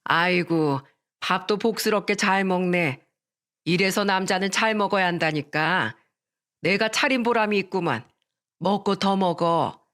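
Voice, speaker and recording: A woman's voice: fairly low pitch, a little slow, fairly bright tone. A woman voicing a doting middle-aged mother who talks admiringly and drawn out.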